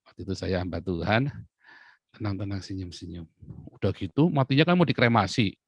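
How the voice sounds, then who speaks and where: A middle-aged man preaching a sermon as a pastor, telling personal stories in a lively, joking way and laughing often. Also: low voice, a little fast, slightly rough, no echo, dull audio.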